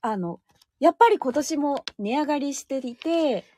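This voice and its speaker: Very high, animated woman radio host. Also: normal speed. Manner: animated, polite, often laughing. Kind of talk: casual chat between co-hosts.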